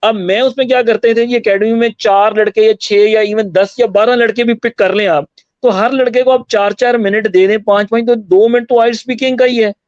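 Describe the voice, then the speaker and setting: A man's voice: high-pitched, steady tone, normal speed, dry recording, muffled recording. A man who teaches IELTS answers interview questions, explaining step by step and switching into English phrases. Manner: explanatory, mixes Hindi-Urdu with English phrases.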